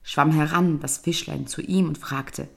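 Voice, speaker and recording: A woman reading a fairy tale aloud in a measured, solemn storytelling manner. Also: sits low, fairly even intonation, gravelly.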